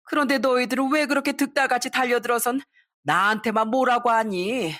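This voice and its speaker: A woman voicing a sharp-tongued older mother-in-law who scolds and complains. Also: a little high, fairly quick, pitched above the performer's own voice, natural voice. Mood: defensive. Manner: scolding, whiny exclamations.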